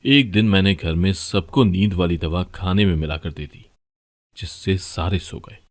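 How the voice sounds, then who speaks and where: A man narrating a story in the first person in a plain, steady storytelling manner. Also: deep voice, normal speed.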